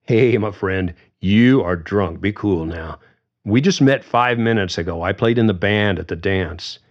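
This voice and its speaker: A man voicing an easygoing young male musician who speaks in a calm, placating way. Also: lowish voice, measured pace, dull audio, natural voice.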